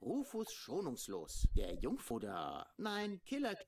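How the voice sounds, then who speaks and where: A man's voice: a little high, huge pitch swings, takes it slowly, vocal fry, noisy background, exaggerated voice. A man voicing a cocky, casual young hero in an adventure video game, with a flippant manner. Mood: offhand. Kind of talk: video game character acting. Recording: music behind the voice.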